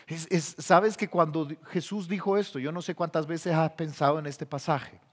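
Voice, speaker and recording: Pastor guy preaching, kinda high voice, lively, does the voices of people he quotes, big hall echo. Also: normal speed. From El Salvador. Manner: animated, acts out quoted voices. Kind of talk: sermon. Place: church hall.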